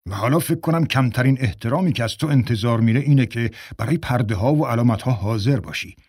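A man's voice: medium pitch, animated, a little mellow, husky, dry recording, clean studio sound. A man voicing a stern male theater director with a scolding manner.

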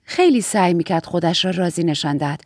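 A woman narrating a first-person audiobook in a steady, even reading voice. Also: on the low side, no echo, studio quality.

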